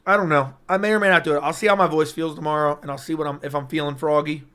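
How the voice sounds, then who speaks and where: Hyped and rambling, this young MMA YouTuber fields livestream comments as they come, chatting casually into a personal streaming mic. His voice runs a little high, bright and forceful, racing along with fairly even intonation. It's strained and keeps cutting out, though the tone underneath remains clear.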